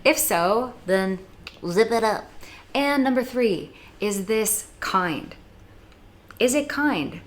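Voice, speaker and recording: A woman's voice: a little high, lively intonation, slow pace. A young adult woman from the United States giving blunt, sarcastic advice in a casual vlog monologue, with dramatic asides. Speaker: YouTube vlogger.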